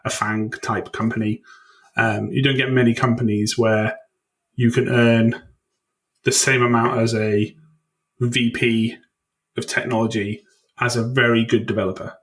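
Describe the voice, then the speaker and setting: A man's voice: medium pitch, flat delivery, measured pace, long pauses, fairly bright tone. A man being interviewed on a podcast, thoughtful and self-deprecating, with hesitant restarts. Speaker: podcast guest. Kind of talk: casual interview chat.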